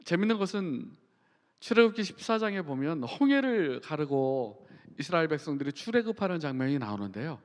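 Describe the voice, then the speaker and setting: A male pastor preaching a sermon, reading scripture aloud with earnest emphasis and pauses. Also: fairly high pitch, big pitch swings, big-room sound. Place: church sanctuary.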